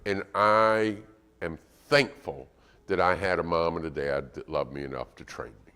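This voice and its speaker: A middle-aged man with a low voice preaches to a congregation. He talks in an easy, conversational way and often breaks into lively acted-out lines from parents and children. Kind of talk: sermon.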